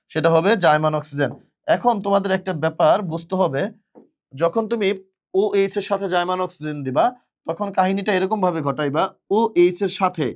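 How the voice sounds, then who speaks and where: Male teacher with a high voice, lecturing a class, answers his own questions. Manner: asks questions and answers them himself, repeats key words. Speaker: chemistry teacher.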